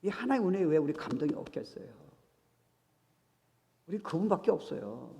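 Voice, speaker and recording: A man preaches in an animated sermon, his fairly high voice swinging widely in pitch as he acts out conversations and slips in English phrases. His words ring out with the long reverb of a church sanctuary. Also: fairly quick, gravelly. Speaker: pastor.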